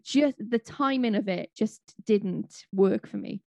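A woman's voice: mid-range voice, takes it slowly, vocal fry, warm tone. A woman talks through her opinions in a casual podcast chat, cynical and frank, tripping over her own restarts. Her voice sits mid-range and the sound is dry with no room echo. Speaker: podcast co-host.

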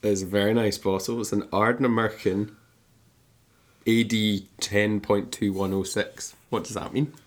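A man's voice: lowish voice, flat delivery, unhurried. A man hosting a podcast, chatting playfully over a dram and chuckling as he teases his guest. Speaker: podcast host. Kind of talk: relaxed conversation over drinks.

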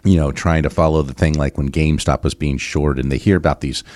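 A middle-aged man, a financial advisor hosting a podcast, explaining in a halting way with many fillers. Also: extremely low pitch, fairly even intonation, darkish tone, dry recording. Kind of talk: casual podcast chat.

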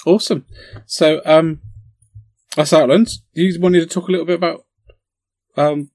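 A man's voice: on the high side, fairly even intonation, unhurried, darkish tone. A man co-hosting a casual podcast, talking about tabletop wargaming in an enthusiastic, encouraging way. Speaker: podcast co-host.

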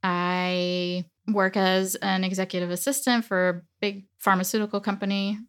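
A woman in her forties, raised in the Dominican Republic with Spanish as her first language, speaks as an interview guest, sharing her personal story in a casual, earnest and reflective way with light laughter. Her voice is medium in pitch and clean in tone, with a level delivery at a moderate pace.

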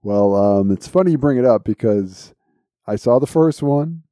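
Man, podcast host, casual and blunt, mellow tone, dry close sound. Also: mid-range voice, animated, moderate pace, dry recording. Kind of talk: casual chat.

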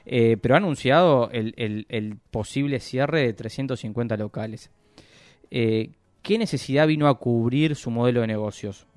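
A man explaining business news in a radio interview, measured and full of hesitations and restarts. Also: medium pitch, a little mellow, dry recording. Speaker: economic analyst guest.

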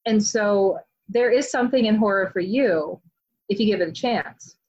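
A woman talks in a casual interview, chatty and animated, often reaching for "like" as she goes. Her voice sits at an ordinary middle pitch. The recording sounds a bit dull and lo-fi. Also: normal speed, husky. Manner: chatty and animated, many "like" fillers. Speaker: author being interviewed.

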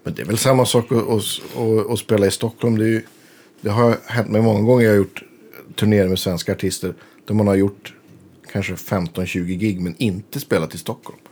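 A man's voice: fairly low pitch, little pitch movement, a little mellow, husky. A man hosting a casual interview, asking rambling questions and dropping frequent short agreements. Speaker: podcast host.

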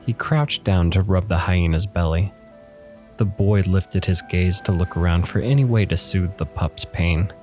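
Deep-voiced man reading a storybook. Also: a little slow. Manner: steady, descriptive reading. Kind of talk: storybook narration. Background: faint music and rain.

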